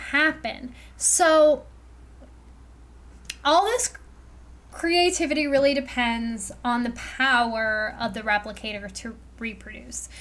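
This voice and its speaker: A woman's voice: on the high side, a bit bright. A woman giving a casual lecture on a livestream, chatty and loose, full of "like" and "you know". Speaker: streamer explaining memetics.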